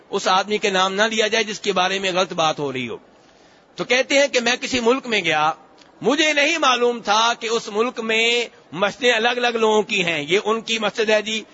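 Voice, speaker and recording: Male preacher, hadith sermon, high bright voice, repeats phrases, muffled lo-fi sound. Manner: explains by repeating phrases, recites Arabic slowly then translates. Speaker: Islamic preacher.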